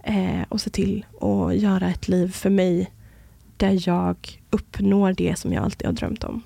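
Creaky-voiced woman telling her story. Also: mid-range voice, fairly even intonation, dark tone, dry recording. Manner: earnest and halting, with many restarts. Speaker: podcast guest. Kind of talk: personal storytelling in a conversation.

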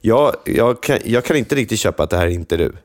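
A man's voice: fairly low pitch, expressive, no room sound, studio quality. A man chatting casually on a podcast, teasing and joking, often restarting his sentences. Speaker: podcast co-host. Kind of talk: casual chat.

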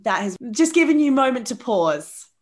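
A woman's voice: a little high, sing-song, moderate pace. A woman hosting a casual interview, asking rambling questions and agreeing often. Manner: encouraging, many agreeing murmurs. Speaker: podcast host.

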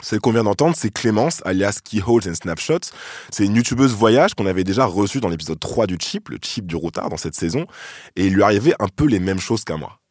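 Man, low voice, podcast host, reflective personal storytelling, soft hesitations, dry close mic. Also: animated, a little fast, no echo. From France.

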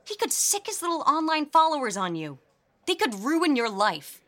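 A woman's voice: high voice, sing-song, normal speed, sharp tone, heavily acted. An actress playing a stern, anxious woman manager who scolds a worker, in a fiction podcast drama. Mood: scolding. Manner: urgent, scolding.

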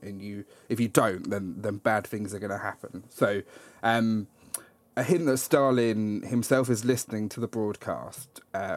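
A man's voice: lowish voice, dry recording. A man hosting a casual film discussion, hesitant and full of fillers and restarts. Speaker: podcast host.

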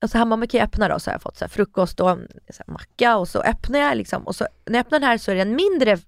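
A woman in her thirties chatting on a podcast, voice leaping up high whenever she acts out a line. Dry, close sound with no room around it. She tells a long story with lively swings. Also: vocal fry, no room sound. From Sweden. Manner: animated storytelling, acting out quotes with big pitch jumps. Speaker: podcast co-host. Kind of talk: casual chat.

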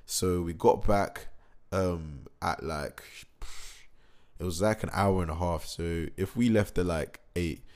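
A young man chats through a vlog in a low voice. He rambles and restarts, full of excitement, with a slight hoarseness from a recent cold. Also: slow pace. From England. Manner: excitable, rambling, slangy, many fillers and restarts. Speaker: musician. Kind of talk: casual vlog recap.

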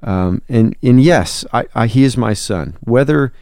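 A man's voice: mid-range voice, expressive, measured pace, vocal fry, darkish tone, no echo, clean studio sound. A man, a songwriter and musician, in a conversational interview, telling a personal story in an earnest, reflective way. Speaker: guest.

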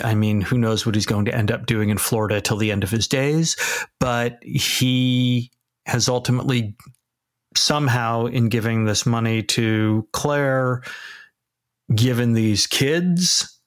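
A man co-hosting a casual film podcast, musing and thinking aloud, often restarting his sentences. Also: mid-range voice. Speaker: podcast co-host.

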